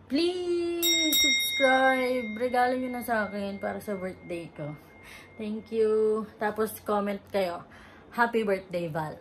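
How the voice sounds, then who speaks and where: Brief: young Filipina vlogger, chatty, laughs a lot, mid-pitched voice, faint background noise. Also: female voice. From Philippines. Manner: chatty, laughs often, mixes English in. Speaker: travel vlogger. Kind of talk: casual vlog storytelling.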